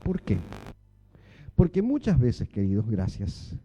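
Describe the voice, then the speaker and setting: A man preaching a sermon in a church with an Argentine Spanish accent, animated and full of rhetorical questions to the congregation. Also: mid-range voice, slow pace, slight background noise. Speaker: pastor.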